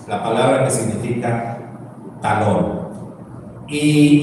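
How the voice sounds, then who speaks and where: Slow-talking preacher in an echoey hall. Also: male voice, fairly high pitch, a little mellow. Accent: Mexican Spanish. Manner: slow, explanatory, asks rhetorical questions. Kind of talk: teaching sermon. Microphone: distant from the mic. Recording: echoey hall, distant mic, faint noise.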